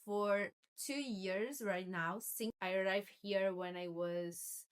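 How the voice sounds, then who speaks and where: Slow-talking Brazilian woman vlogger. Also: medium pitch, steady tone, clean tone. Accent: Brazilian Portuguese. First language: Portuguese. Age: 20s. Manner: slow, searching for words, self-correcting. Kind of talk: casual vlog talk.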